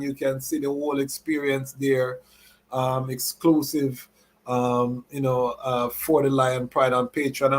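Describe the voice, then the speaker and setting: A man hosting a live show, mixing announcements with Rastafari reasoning in Rastafarian idiom and repeated catchphrases. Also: a little high. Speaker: podcast host.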